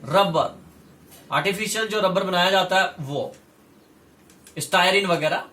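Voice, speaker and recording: A man with a high-pitched voice teaches chemistry as a classroom lecture, walking through each idea step by step and repeating the key terms. He sounds set back from the mic, in a room with a noticeable echo. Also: animated, measured pace, bright, forceful tone, recorded from a distance.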